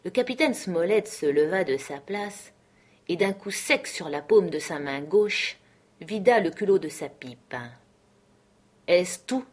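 A woman reads a novel aloud at a calm, measured pace. Her voice is low and a little husky. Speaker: audiobook reader. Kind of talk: scripted narration.

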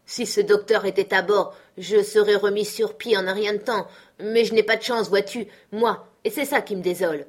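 A woman reading the part of a wounded, surly old pirate sailor in an audiobook, in a gruff, grumbling manner. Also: lowish voice, unhurried.

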